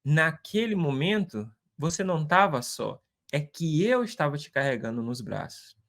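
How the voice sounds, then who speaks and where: A man voicing God in a sermon story, speaking as a calm, tender father. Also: a little high, moderate pace. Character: God, gentle fatherly male voice.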